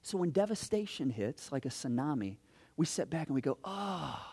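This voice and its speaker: A man preaching a sermon as pastor in a church, animated, asking many rhetorical questions and swinging from loud to hushed. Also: mid-range voice, a little fast, husky.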